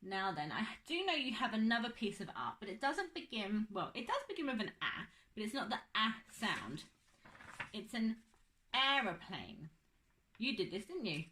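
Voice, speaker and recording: A woman's voice: medium pitch, very animated, moderate pace, pushed and bright. A young woman teaching a phonics lesson to children, patient and drawing out her words.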